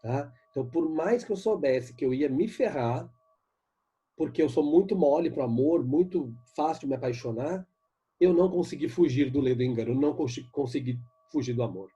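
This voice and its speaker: Man, Brazilian Portuguese accent, literature teacher, warm husky voice, explains and questions students. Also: a little high, lively intonation. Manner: explains and asks students questions, reads poems slowly. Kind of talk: recorded online class lesson.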